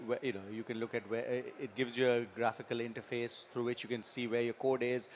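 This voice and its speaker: A man giving a technical explanation in a steady, fluent way, often saying "out there". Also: medium pitch, very fast, slight background noise. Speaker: cloud solutions guest.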